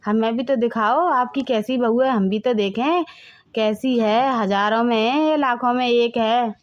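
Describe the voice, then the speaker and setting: Gossipy cartoon neighbor, voiced by a woman; mocking, high-pitched. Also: unhurried, lo-fi sound, slight background noise, natural voice.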